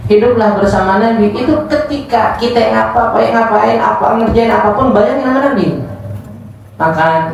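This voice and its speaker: A woman's voice: mid-range voice, darkish tone, slight background noise. A woman giving a casual religious study lesson, joking and acting out little dialogues as she teaches. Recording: echoey room, distant mic, faint ambience.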